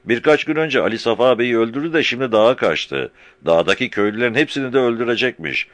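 A man voicing an anxious, fawning middle-aged village agha who talks loudly and fretfully. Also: mid-range voice, expressive, fast talker, dry recording, pitched above the performer's own voice, close to an everyday voice. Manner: loud, fretful and wheedling. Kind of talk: audiobook character voice.

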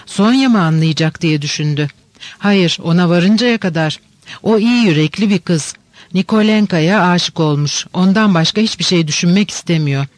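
A man narrating a classic novel in an audiobook, measured and even. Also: high voice, no echo. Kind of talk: scripted literary narration.

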